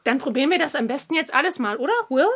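A woman's voice: high voice, animated, rapid-fire, fairly bright tone. A woman playing a cheerful young woman who rehearses Juliet and cheers the others on.

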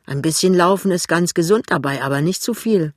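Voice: mid-range voice, a little fast, dry recording, studio quality, lightly acted. An audiobook reader voicing a stern, thin female shopkeeper who gives short, firm orders. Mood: brisk, bossy. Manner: curt, commanding. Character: stern, thin older female soap seller, brisk. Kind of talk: audiobook reading.

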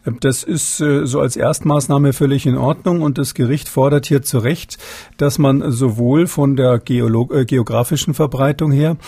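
A man's voice: medium pitch, steady tone, moderate pace, dark tone, husky, no echo. A man answering interview questions as an expert guest, hesitant, with many fillers and restarts.

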